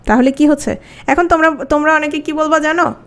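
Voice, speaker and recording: High-voiced woman teaching grammar. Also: fairly even intonation, brisk, fairly bright tone. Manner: explains with examples and questions to students. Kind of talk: online exam-prep grammar lesson.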